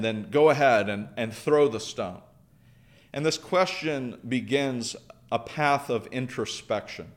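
A man preaching a sermon, earnest, building through repeated phrases and questions. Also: medium pitch. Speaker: pastor.

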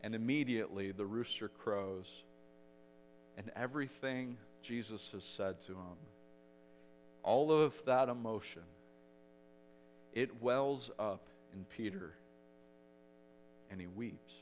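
A man preaching a sermon as pastor, retelling the story dramatically and growing loud for the shouted quotes. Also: fairly low pitch, takes it slowly, pauses often, slight background noise.

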